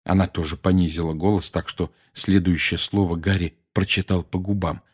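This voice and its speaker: A man reads a novel aloud in a steady, measured storytelling voice. His tone is low-pitched with a breathy, husky texture. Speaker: narrator. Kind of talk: audiobook narration.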